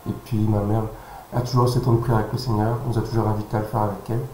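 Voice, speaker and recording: A man in his thirties from French Guiana, speaking in a fairly low voice. He answers calmly, halting often with fillers as he thinks. The recording sounds roomy, with faint noise underneath. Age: 30s. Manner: calm, halting, with many pauses and fillers. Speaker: interview guest. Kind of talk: casual interview.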